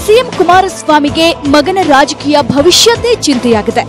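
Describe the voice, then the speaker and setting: A woman reporter with a Kannada accent delivers a punchy, dramatic news voice-over in a very high voice. Clear background music plays under her reading. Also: big pitch swings, moderate pace.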